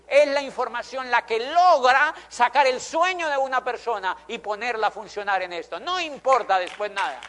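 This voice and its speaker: A man's voice: extremely high pitch, normal speed, few pauses, pushed and bright. A middle-aged man, telling an emphatic motivational story to an audience and repeating phrases for effect. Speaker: motivational speaker.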